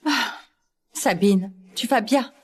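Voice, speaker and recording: A woman's voice: a little high, takes it slowly, slightly rough. A woman playing a doting, bossy, wealthy grandmother in a dubbed drama, fussing and insisting effusively. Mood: concerned, bossy. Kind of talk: dubbed short-drama acting.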